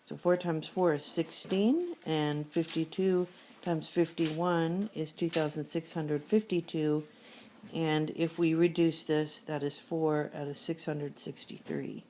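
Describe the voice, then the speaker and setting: Woman, math teacher, sore throat, low voice, steady step-by-step explaining. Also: slow pace, slight background noise. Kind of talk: screencast math lesson. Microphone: tablet screencast recording.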